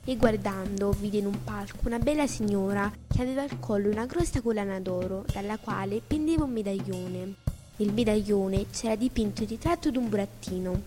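A woman narrating a classic children's tale in an expressive, measured audiobook reading. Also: mid-range voice. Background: background music.

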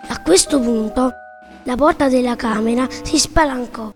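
A woman narrating a children's storybook in a measured, expressive reading. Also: high voice. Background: children's music.

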